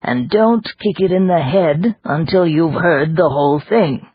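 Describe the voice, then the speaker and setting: A narrator voicing a gruff, plainspoken older man who talks slowly and emphatically, in an audiobook. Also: mid-range voice. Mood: emphatic. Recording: dull lo-fi audiobook recording.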